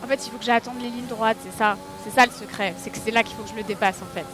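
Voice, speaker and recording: A woman's voice: a little high, quick pace, music in the background. A woman streaming a racing game, chatting to her audience, yelping at her mistakes and poking fun at herself. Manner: excitable, talks to her audience, yelps and self-mocks. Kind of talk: live gameplay commentary. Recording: racing game engine noise behind.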